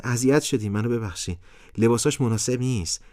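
A man's voice: medium pitch, a little mellow, no room sound, studio quality, pitched above the performer's own voice, natural voice. A man voicing a polite, modest fourteen-year-old boy in a storybook, speaking eagerly and pleadingly.

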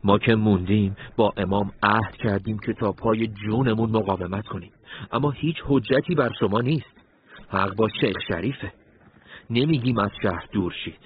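A man's voice: fairly low pitch, phone-quality sound, slight background noise, close to an everyday voice. A man voicing a resolute military commander who earnestly urges women to leave. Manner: urging, earnest. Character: resolute male military commander, grave, fatherly.

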